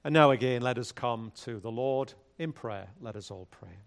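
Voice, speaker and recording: A man speaking at a pulpit microphone, a pastor leading prayer and reading scripture in a measured, solemn way. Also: mid-range voice, vocal fry. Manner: measured, solemn liturgical delivery.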